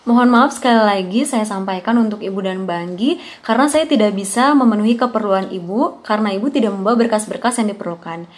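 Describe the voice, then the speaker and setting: A woman's voice: mid-range voice, quick pace, natural voice. A woman playing a patient bank officer in a role-play, with a formal, apologetic customer service voice. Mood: apologetic, firm.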